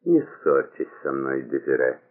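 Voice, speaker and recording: A smooth aristocrat coaxes and insinuates in a very low, husky voice, read by a male narrator. The audio is thin and phone-like, and the pitch moves a lot. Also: sing-song, normal speed. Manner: insinuating, coaxing. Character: smooth, ingratiating aristocrat, man.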